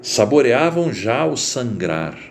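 A man reading a literary short story aloud as narrator, in a slow, deliberate and expressive way. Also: medium pitch, gravelly, slight background noise.

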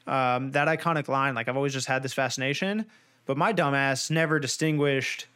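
A man's voice: mid-range voice, fairly bright tone, clear, resonant tone. A young man in his twenties chatting casually on a podcast, rambling with lots of fillers and jokes. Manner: rambling, filler-heavy, jokey.

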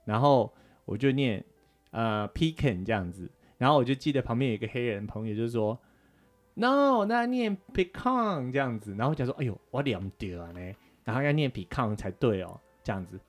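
Speaking quickly in a medium-pitched voice, a man from Taiwan co-hosts a casual radio chat and explains things with plenty of fillers in a chatty manner. Faint music can be heard behind him.

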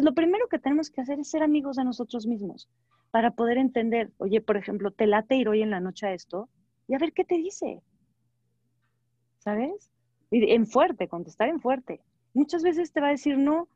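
A woman with a Mexican accent speaks in a fairly high voice, giving friendly advice and playing out small imagined conversations. Her delivery is chatty and full of restarts. The recording is dull and lo-fi, with a dry, close sound. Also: no echo. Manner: animated, acts out little dialogues, many fillers and restarts. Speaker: guest advisor.

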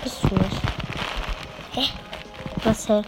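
A woman's voice: medium pitch, steady tone, slow pace, very noisy. A young woman casually commentating her own gameplay, teasing her teammate and barking orders at her. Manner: teasing, bossy, calls out orders. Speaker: gaming video host.

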